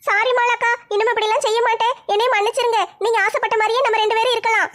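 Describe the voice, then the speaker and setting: A woman's voice: very high-pitched, level tone, racing, a bit bright, pitched above the performer's own voice. A woman voicing a young, apologetic sister-in-law in a comedy family skit. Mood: pleading. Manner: pleading, apologetic.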